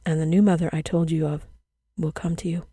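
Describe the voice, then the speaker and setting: Lady doing a sad mom in an old story, soft, low and mellow. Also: flat delivery, a little fast, breathy edge, no echo, studio quality. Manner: soft and sorrowful. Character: sad, tearful mother, soft and sorrowful.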